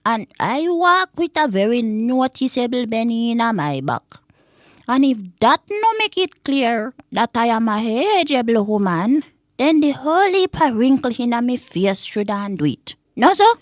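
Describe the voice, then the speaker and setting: A woman playing an indignant elderly Jamaican granny in a comic Patois monologue, grumbling with drawn-out words and exclamations. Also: fairly high pitch, very animated, no echo, clean studio sound. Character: indignant elderly Jamaican granny, complaining about modern youth.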